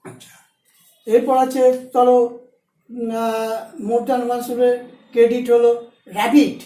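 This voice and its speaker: A woman teaching a shorthand class, explaining each rule slowly and repeating the key points. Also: fairly high pitch, mellow, reverberant, low-quality recording. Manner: repeats key points, switches between Bengali and Hindi. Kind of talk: explaining rules step by step in a lesson.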